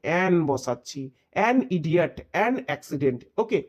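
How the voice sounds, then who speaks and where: Guy teaching english articles, high voice, keeps repeating sounds n asking "right?". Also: lively intonation. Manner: repetitive, drills pronunciations and asks checking questions; reads English rules out slowly and deliberately. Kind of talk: explanatory lesson.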